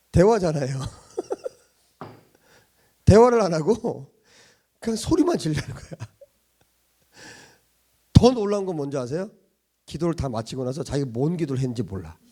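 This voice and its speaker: A man's voice: high voice, dark tone. A middle-aged man pastor giving a sermon in a conversational style, chuckling often and asking many rhetorical questions.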